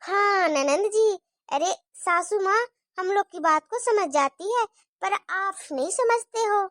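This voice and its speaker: A very high, bright young daughter played by a woman, quick to complain and tell tales. She picks at her sisters-in-law in a cartoon story. The sound is dry and close. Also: lively intonation, no echo, heavily acted. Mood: whiny. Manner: complaining, tattling. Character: young married daughter, sharp-tongued.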